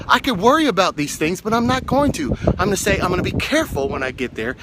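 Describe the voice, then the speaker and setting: Brief: high-pitched male vlog host, a little winded, encouraging, phone mic with loud wind noise. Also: big pitch swings, quick pace. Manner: encouraging, talks to camera while climbing stairs. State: winded from climbing. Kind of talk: motivational walking vlog. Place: outdoors on reservoir steps. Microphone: handheld phone.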